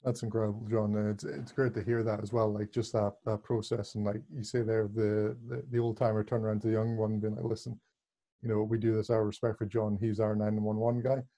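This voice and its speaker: A man's voice: fairly low pitch, little pitch movement, fairly quick, warm tone. A man hosting an interview, affirming his guest and asking follow-up questions. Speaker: podcast host.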